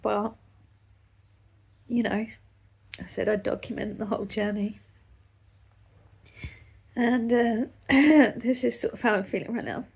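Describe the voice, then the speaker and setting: A tearful woman speaks haltingly into her phone at home, often slipping into whispers. Her voice is very breathy and husky, with a gravelly catch. It sits a little high for a woman. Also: fairly even intonation. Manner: halting, soft, trailing off into whispers. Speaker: vlogger. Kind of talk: emotional video diary. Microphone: phone camera.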